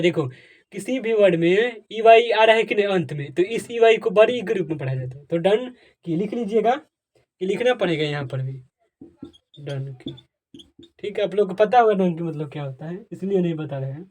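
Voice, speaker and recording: Speaking a little fast and with animation, this high-voiced English teacher explains English pronunciation rules in Hindi, his tone slightly mellow. He keeps asking questions and answering them, goes over points again, and invites his "dear friends" to leave comments.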